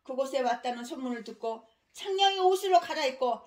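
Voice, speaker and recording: A woman pastor giving an expository sermon in a fiery, scolding manner, swinging between shouting and low muttering. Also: lively intonation, a little fast.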